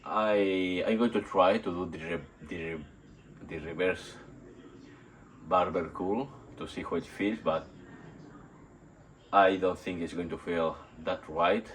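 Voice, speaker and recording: A man with a very deep voice records a casual, unscripted workout vlog on a phone set on a tripod, outdoors in a still yard under a tarp. He is sick and nauseous, and his hesitant delivery halts and rambles as he repeats himself and searches for words. The recording is rough, with noticeable background noise.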